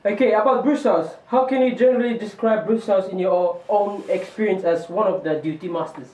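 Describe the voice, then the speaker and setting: A man's voice: high voice, fairly quick, darkish tone. A teenage boy with a New Zealand accent hosting a school show, using formal, stock interviewer phrases. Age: teens. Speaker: student host of a school boarding-house show. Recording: echoey room, mic far off.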